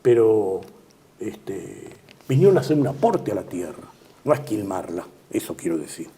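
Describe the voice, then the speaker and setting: This older man, whose Spanish carries an Argentine accent, comments on politics in a measured way during an interview. His lowish voice is warm and sing-song with a breathy edge, and he trails off at phrase endings, filling gaps with "este."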